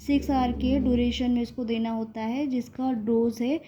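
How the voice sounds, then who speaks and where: A woman with an Indian accent teaching a pharmacy lecture, reading points slowly in English and explaining them in Hindi. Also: a little high, fairly even intonation, background noise. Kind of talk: classroom lecture. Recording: dull lo-fi audio.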